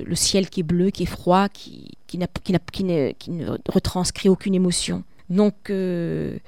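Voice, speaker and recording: A woman's voice: medium pitch, dark tone, no echo, clean studio sound. A woman teaching a poetry analysis lesson, talking in a reflective way, restarting phrases and often adding a tag question. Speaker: literature teacher.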